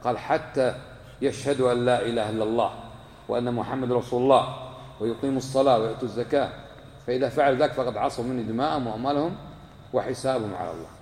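A man with a medium-pitched, slightly mellow voice rattles through a religious lesson at a very fast clip. Teaching a live class, he quizzes them and repeats key points, and the recording carries an echoey hall's long reverb.

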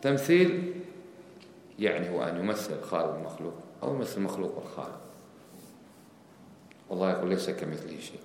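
A man's voice: sits low, rapid-fire, long pauses, a little mellow, slight background noise. A man giving a religious lesson. He explains step by step, counts off his points and quizzes his listeners with rhetorical questions. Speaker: religious teacher. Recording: echoey hall with long reverb, faint background ambience.

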